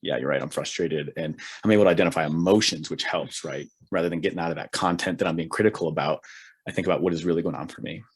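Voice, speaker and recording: A man's voice: low-pitched, fairly even intonation, rapid-fire, slightly rough. A man co-hosting a relationship podcast, talking reflectively in casual conversation and often checking in with "right?". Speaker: podcast co-host, couples therapist.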